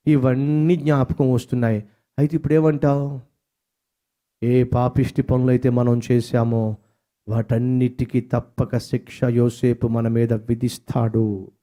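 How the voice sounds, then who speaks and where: A man's voice: medium pitch, warm tone. A male pastor preaching a sermon dramatically, asking the listeners rhetorical questions and acting out dialogue.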